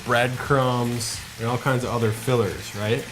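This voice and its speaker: A man's voice: medium pitch, steady tone, unhurried, noisy background. Chatty man hosting a cooking show. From Minnesota. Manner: upbeat, chatty, addresses viewers directly. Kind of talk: casual cooking demonstration. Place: garage kitchen. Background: faint background music and frying.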